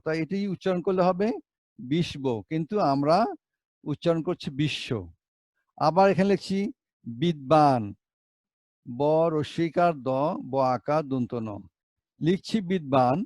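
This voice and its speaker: A man's voice: fairly high pitch, normal speed, darkish tone, no room sound. A male teacher giving a Bengali pronunciation lesson, spelling words out letter by letter and asking rhetorical questions.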